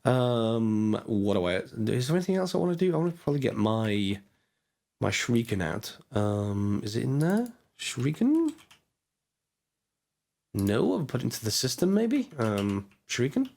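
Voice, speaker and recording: A man with a hoarse voice, chatting casually as he narrates his gameplay, thinking aloud with lots of fillers. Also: medium pitch, sing-song, moderate pace, darkish tone. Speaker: gaming channel host. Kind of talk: casual let's-play commentary.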